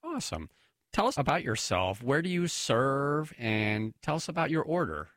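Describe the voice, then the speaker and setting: Lively deacon hosting a radio interview. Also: male voice, mid-range voice, moderate pace, dry recording, clean studio sound. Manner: friendly, enthusiastic interviewer.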